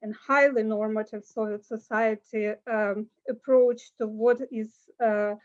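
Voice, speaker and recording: A woman giving an academic conference talk over a video call, pausing often with filler sounds. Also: fairly high pitch, fairly even intonation, muffled recording. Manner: hesitant, many filler sounds. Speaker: conference speaker.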